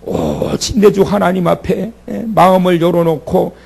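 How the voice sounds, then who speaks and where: A man's voice: high voice, fairly even intonation, a little slow, gravelly, darkish tone, slightly rough. A male pastor preaching at a church prayer meeting in a conversational way, asking the congregation questions and having them repeat phrases after him. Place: church sanctuary.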